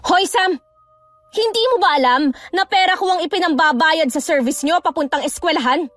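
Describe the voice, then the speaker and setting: An actress playing a furious, sharp-tongued pregnant young wife who hurls threats in a horror audio drama. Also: female voice, normal speed, no echo. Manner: shouting threats, shrill. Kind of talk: Filipino radio-style horror drama acting.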